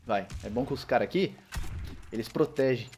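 A young man with a Brazilian Portuguese accent giving casual, slangy commentary over his own gameplay, with excitable loud outbursts. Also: mid-range voice, normal speed, a little hiss or hum. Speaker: gaming channel host.

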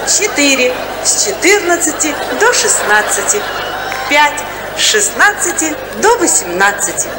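A woman playing a high, sing-song clinic phone robot. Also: sing-song, a loud crowd. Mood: recited. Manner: measured, evenly recited menu prompts. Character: female automated clinic phone menu, endlessly patient. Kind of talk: stage comedy sketch. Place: stage before a live audience. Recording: echoey stage hall, audience noise.

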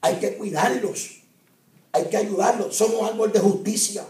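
Evangelist, male, emphatic sermon delivery with a somewhat high voice, caught from a distance in an echoey hall. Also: unhurried, darkish tone. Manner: emphatic preaching with rhetorical questions to the audience. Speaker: evangelist preacher. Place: church hall at a youth conference. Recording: roomy, distant church hall recording.

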